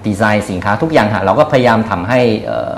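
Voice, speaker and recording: A man in his thirties answering interview questions as a company guest, hesitant, often pausing and repeating words. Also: lowish voice, animated, reverberant. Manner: hesitant, frequent filler pauses and repeated words. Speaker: company executive being interviewed. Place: small indoor showroom office. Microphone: lapel mic.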